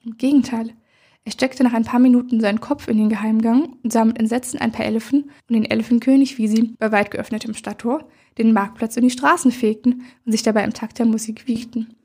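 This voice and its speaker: A woman reading a scripted first-person fairy tale aloud for children in a calm, measured way. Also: fairly high pitch, slightly rough. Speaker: storyteller.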